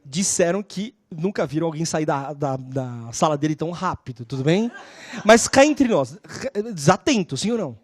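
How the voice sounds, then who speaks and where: A woman lecturing on law, telling lively stories and constantly checking in with her class. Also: sits low, normal speed, husky, dry recording. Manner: animated, acts out scenes.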